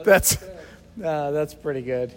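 A slightly high-voiced man speaks slowly as co-host of a podcast, bantering in a casual, teasing way. He's easygoing and chuckles a lot. His voice echoes with the heavy reverb of a sheltered outdoor spot.

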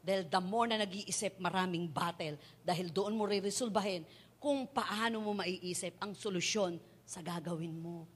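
A woman's voice: on the low side, normal speed, husky. A woman preaching a sermon, telling a story and pressing the congregation with repeated rhetorical questions. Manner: switches between Tagalog and English.

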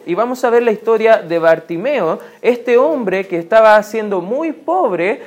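A pastor preaching a sermon in an earnest manner, often asking the congregation direct questions. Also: medium pitch.

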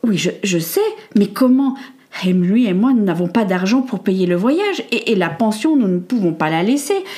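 A woman's voice: medium pitch, sing-song, moderate pace, mellow, natural voice. Worried practical landlady for an audiobook, in a woman narrator's voice, stammering. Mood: fretful. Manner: fretful, stammering. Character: worried boarding-house landlady, practical wife.

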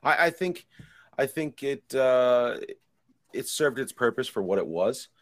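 A man's voice: mid-range voice, lively intonation, unhurried, fairly bright tone, dry recording. A man in his thirties co-hosting a casual podcast, rambling and swearing as he tells stories. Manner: rambling, profane, laid-back storytelling. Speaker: podcast co-host. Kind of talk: casual chat.

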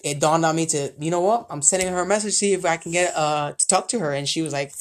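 A woman's voice: low-pitched, quick pace. A woman hosting a podcast in a loose, upbeat way, full of "you know" and "um". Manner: upbeat, loose, lots of fillers. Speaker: podcast host. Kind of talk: casual podcast talk.

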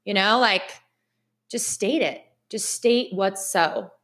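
Chatty, animated woman. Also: medium pitch, takes it slowly. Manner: animated, chatty, repeats phrases for emphasis. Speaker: vlogger. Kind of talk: casual motivational talk to camera.

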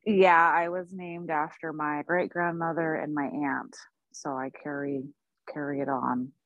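Soft-spoken woman in her forties, lo-fi audio. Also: deep voice, steady tone, measured pace, no echo. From United States (Oklahoma). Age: 40s. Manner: soft-spoken, laughs often, thoughtful with many ums. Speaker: podcast guest. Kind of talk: casual interview.

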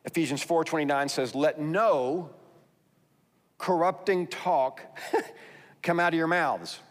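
A man's voice: a little high, slow pace. A man with a Texas accent preaching a sermon, conversational and emphatic, reading scripture aloud between his own remarks. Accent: Texan. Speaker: pastor. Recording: long reverb in a large hall.

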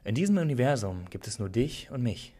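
Calm creator god, as a man reads him. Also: mid-range voice, brisk. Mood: patient. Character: calm all-knowing creator god, patient and gentle. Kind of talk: storytelling reading.

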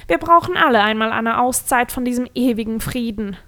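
A woman voicing a shifty, scarred male dwarf who deals pills, talking in a sly, wheedling, drawn-out way. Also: on the high side, expressive, bright, forceful tone.

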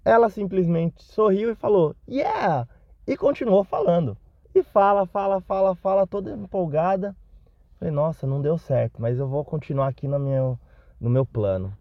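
A man's voice: on the high side, normal speed, no echo. Man, self-deprecating storyteller, dry dull lo-fi home recording. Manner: self-deprecating, animated retelling. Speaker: listener telling a story. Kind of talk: recorded anecdote, casual storytelling.

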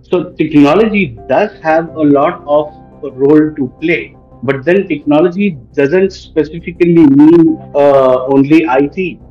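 A man's voice: on the high side, measured pace, muffled recording, faint music behind. A middle-aged man with an Indian accent explaining his work earnestly as an expert on a panel.

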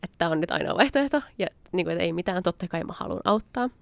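A woman's voice: lowish voice, expressive, gravelly, dry recording. A young adult woman telling a personal anecdote in a chatty way, acting out what she said at the time. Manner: chatty, acts out her own past lines with quoted asides. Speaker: storyteller. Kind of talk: casual spoken anecdote.

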